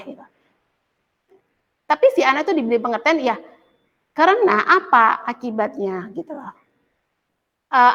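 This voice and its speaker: A woman's voice: sits high, bright, forceful tone, dull audio. A woman giving a live online psychology lecture in a conversational way, often adding a tag for emphasis and acting out what parents and children say. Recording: long reverberant echo.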